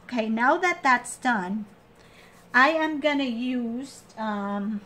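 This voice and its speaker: A woman with a slightly high voice walks through a craft project at a very slow pace. She is casual and halting, often trailing off and restarting as she explains each step. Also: a bit bright. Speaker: craft tutorial host.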